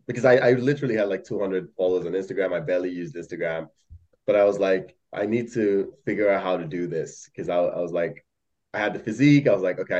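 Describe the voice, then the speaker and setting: This algo trader, a young man who grew up in Malaysia, guests on a podcast in a loose, casual chat full of fillers and laughs as he rambles. His voice sits low and is a little mellow, and the recording has its highs cut off.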